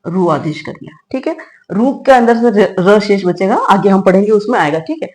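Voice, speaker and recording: A woman's voice: medium pitch, animated, moderate pace, darkish tone, poor audio. A middle-aged woman teaching a grammar lesson. She explains step by step, asks questions and answers them herself, and checks in often with a short "all right". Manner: explains step by step with rhetorical questions, frequent "theek hai". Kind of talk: classroom lecture.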